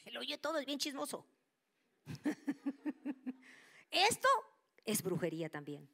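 Bright-voiced woman preaching. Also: high-pitched, takes it slowly, creaky. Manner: animated storytelling, drops into whispers for quoted voices. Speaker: church speaker. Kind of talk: sermon with personal testimony.

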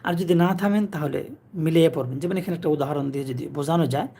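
A man from Bangladesh teaching Quran recitation to viewers, chanting verses slowly and drawn out, then explaining pronunciation quickly. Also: on the high side, mellow. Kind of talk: tajweed lesson for viewers.

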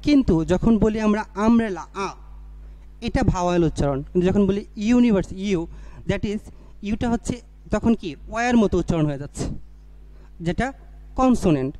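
A man's voice: sits high, warm tone. A man teaching an English grammar lesson, explaining step by step, asking questions and answering them himself, and mixing English terms into his speech. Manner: explains step by step, repeats key phrases.

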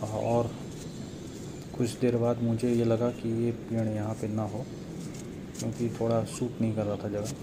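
A man's voice: mid-range voice, monotone, unhurried, pauses often, noisy background. A young man narrating a casual vlog about his terrace garden, steadily explaining to his viewers as friends. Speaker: gardening vlogger. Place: rooftop terrace garden outdoors.

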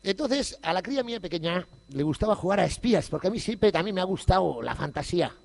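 Man, high voice, lively swooping pitch, irreverent festival speech, echoey hall. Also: fast, gravelly. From Basque Country. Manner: irreverent, joking, swears freely. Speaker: festival opening speaker. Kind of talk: humorous public speech.

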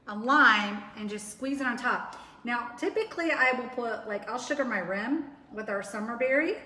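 A woman in her forties casually demonstrates a drink recipe in her home kitchen, upbeat and rambling with frequent restarts, like a live cooking demo host. Her voice is fairly high, bright and forceful. An overhead camera picks her up from a distance, and the kitchen echoes with long reverb.

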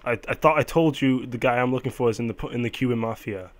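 A man playing a mafia boss who threatens in a casual, halting, offhand way, in an amateur game role-play. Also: mid-range voice, close to an everyday voice. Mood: menacing. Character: casually menacing male mafia boss hunting his money.

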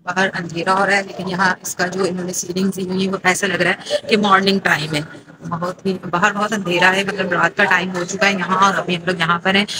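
Woman in her 30s, upbeat vlog chatter, phone mic in a busy mall with plenty of background noise. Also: on the low side. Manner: chatty, enthusiastic, narrating sights. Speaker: vlogger. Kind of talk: casual walking-tour vlog. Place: large indoor shopping mall. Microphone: phone held at arm's length. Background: mall crowd chatter and noise.

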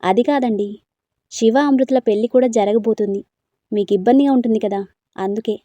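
Cheeky teasing young guy in a story, a woman doing him, warm mellow voice. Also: fairly high pitch, moderate pace, no echo, lo-fi sound, natural voice. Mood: polite. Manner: playful teasing.

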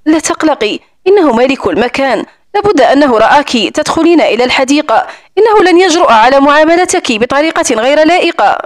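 A woman's voice: high-pitched, animated, quick pace, no room sound, clean studio sound. A woman reading the part of a cheerful, chatty elderly grandmother in her later years.

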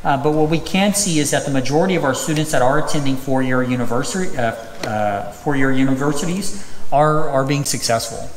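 Speaking briskly in a medium pitch, a man in his thirties reads items aloud at a school district public hearing, stumbling often into ums and uhs. A little hiss or hum accompanies the podium microphone's recording. The large empty auditorium gives it an echoey quality with distant reverb.

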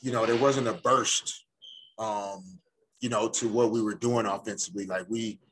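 Low, husky middle-aged male coach. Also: fairly even intonation, fairly bright tone. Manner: measured, thoughtful, often pausing to find words. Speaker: head coach. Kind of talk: postgame press conference answers. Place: indoor press room before a sponsor backdrop. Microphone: desk microphone in front of him.

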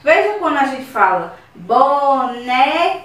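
A woman's voice: sits high, big pitch swings, fairly bright tone, recorded from a distance. Woman, Brazilian accent, primary teacher, careful syllable-by-syllable explaining, very echoey room. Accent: Brazilian Portuguese. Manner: slow, careful explaining, repeating words syllable by syllable. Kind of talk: recorded remote class for children.

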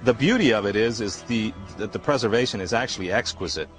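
A man's voice: on the low side, animated, fast, soft background music. A middle-aged man, a scientist, explaining informally in the field for a nature documentary. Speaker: paleobotanist. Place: outdoors at a rock shelter.

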